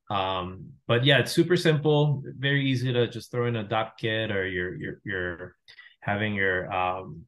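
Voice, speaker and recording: A Venezuelan company founder in his thirties, with a lowish and slightly bright voice, joins a video call from a room at home as a guest, heard through a webcam mic. The interview talk is casual and reflective, with many restarts and fillers.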